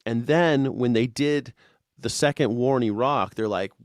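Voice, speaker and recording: A man's voice: medium pitch, unhurried, no echo. Man, 40s, live stream host, sarcastic and profane, loose rambling delivery, dry close sound. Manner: sarcastic, profane and rambling, reads chat comments aloud. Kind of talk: casual political comedy rant.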